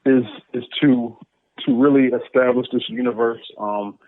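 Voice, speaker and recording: Over a dry, tinny, phone-like line, a male comic book creator chats conversationally as an interview guest. He speaks at normal speed in a mid-range voice with a steady tone.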